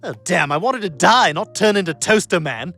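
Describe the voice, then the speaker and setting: A man voicing a precocious, scheming baby boy in an animated sitcom, with a posh, theatrical delivery. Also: high-pitched, moderate pace, creaky, soft background music, exaggerated voice.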